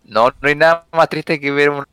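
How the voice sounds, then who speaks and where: Smooth-voiced man, laid-back. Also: a little high, moderate pace, pushed and bright, dry recording, faint music behind. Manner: laid-back, amused, joking. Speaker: guest on a call. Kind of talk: casual chat. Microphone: call audio that cuts out.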